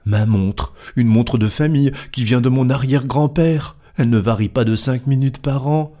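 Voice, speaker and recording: A man voicing a chatty, excitable young French manservant in an audiobook, talking eagerly and fast. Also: mid-range voice, voice pushed up, natural voice. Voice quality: eager, quick, talkative. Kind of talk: audiobook character voice.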